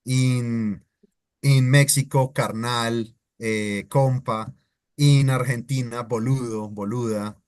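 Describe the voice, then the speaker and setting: A Latin American man teaching Spanish slang in a live online lesson, explaining slowly with drawn-out vowels. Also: mid-range voice, steady tone, a little mellow.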